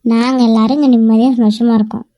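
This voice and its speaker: A woman's voice: a little high, little pitch movement, fast, dark tone, dry recording, close to an everyday voice. A woman voicing a stubborn young wife standing up for her family in an amateur cartoon. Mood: defiant. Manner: firm, defiant.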